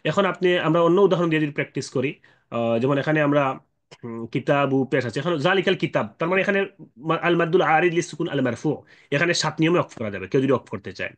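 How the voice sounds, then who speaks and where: A man teaching Quran recitation rules, explaining patiently with fillers and checking questions, and chanting drawn-out examples. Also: a little high, animated, a bit bright. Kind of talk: explanatory tajweed lesson.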